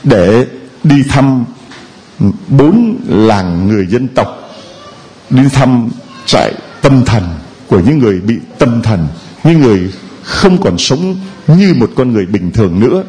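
Priest exhorting a congregation. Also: male voice, mid-range voice, sing-song, a little slow, mellow, rough recording. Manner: exhorting, prods with short questions. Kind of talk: sermon and questioning a congregant.

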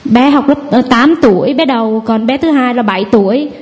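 Her voice is on the high side, a little mellow and a little fast. The nervous mother in her thirties shares a personal testimony from the audience, chatting away and acting out lines from her family.

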